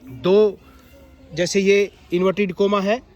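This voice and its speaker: High-voiced man teaching young children. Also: little pitch movement, a little mellow, lo-fi sound. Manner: repetitive questioning, drawn-out reading of example sentences. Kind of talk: classroom explanation to children.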